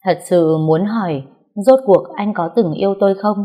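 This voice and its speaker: A woman, narrating a first-person story in a steady, plain reading voice. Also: medium pitch, moderate pace, highs cut off.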